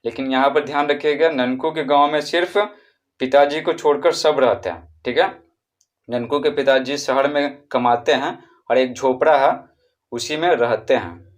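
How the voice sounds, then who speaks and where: A man's voice: medium pitch, fairly even intonation, normal speed. A man with a Bihari Hindi accent, teaching a primary-school textbook chapter. He repeats and drills the answers and draws out words to show how someone calls out. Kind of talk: explaining a textbook chapter to pupils.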